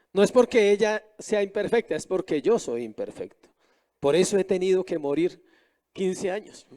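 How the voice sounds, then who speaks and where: A man's voice: high-pitched, a little mellow. A middle-aged male pastor preaching a sermon, often asking the congregation questions.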